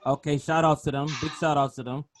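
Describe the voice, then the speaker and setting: A man's voice: fairly high pitch, steady tone, fast talker. A man hosting a casual podcast interview, eager, repeating his questions and cutting in. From raised in Brooklyn and Boston. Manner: eager, repeats himself, cuts in. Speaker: podcast host.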